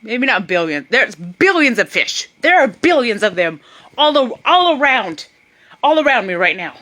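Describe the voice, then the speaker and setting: Talking to her camera at a normal speed in a higher-pitched voice, a young woman vlogs a comic account of her travels. She's animated throughout and puts on different voices for the characters.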